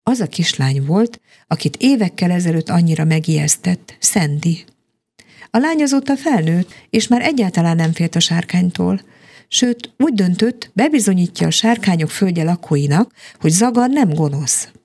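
Low, gravelly woman reading a tale. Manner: calm, expressive story reading. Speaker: storyteller. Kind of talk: reading a children's story aloud.

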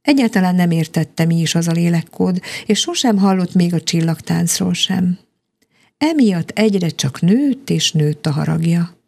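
Woman reading a bedtime story, low voice with some gravel, calm. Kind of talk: reading a children's story aloud.

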